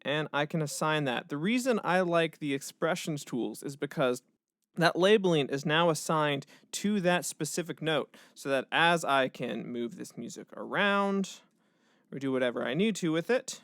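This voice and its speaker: A man, a music educator, casually walking through a software tutorial step by step, with the odd filler word. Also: on the high side, animated, normal speed, dry recording, clean studio sound. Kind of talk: screen-recorded software tutorial.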